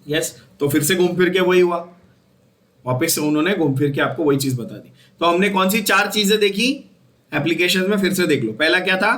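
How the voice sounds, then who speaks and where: A man's voice: high-pitched, a little fast, a bit bright. A man. He keeps checking with the students and repeats each key term so it sticks. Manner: asks the students questions and repeats key terms, switching between Hindi and English. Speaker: chemistry teacher. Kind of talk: classroom lecture.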